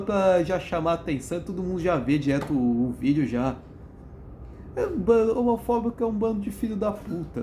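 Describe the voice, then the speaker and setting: A vlogger ranting to camera in a casual, blunt, slangy way, laughing at their own stories and jumping up in pitch for emphasis. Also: darkish tone, slight background noise. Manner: profane, blunt, slangy storytelling; mimics other people's voices when quoting.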